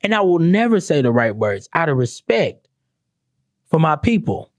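A young adult man ranting comedically to camera, profane and animated, breaking into mock-sung lyrics. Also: fairly high pitch, normal speed, no echo, clean studio sound. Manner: animated, profane, sings song lyrics mockingly. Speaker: commentator.

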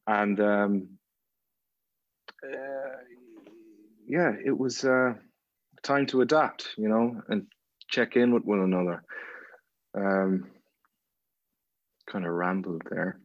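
A man with an Irish accent, an actor talking in a relaxed podcast interview, rambling with many restarts and fillers. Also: fairly low pitch, takes it slowly, long pauses, dry recording, highs cut off. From Ireland. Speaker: actor guest.

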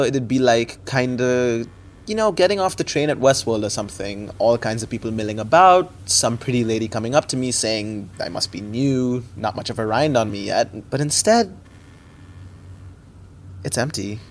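A man's voice: mid-range voice, lively intonation, moderate pace, slight background noise, close to an everyday voice. A young man narrating in first person as the lead of an audio drama, chatty with wry, self-deprecating asides. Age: young adult.

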